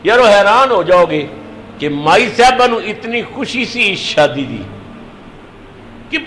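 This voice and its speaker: A man's voice: high voice, very animated, fairly bright tone, a little hiss or hum, low-quality recording. A male preacher from Pakistan giving a Friday sermon, telling a story animatedly and acting out its dialogue for the congregation.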